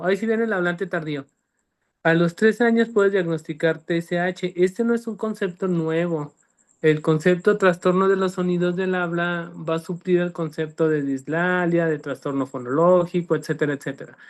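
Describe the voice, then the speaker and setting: A man's voice: high voice, steady tone, normal speed. A man, a speech-language specialist, explaining clinical terms in a panel talk and often checking that listeners follow. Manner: didactic, checks understanding with "¿sí me explico?".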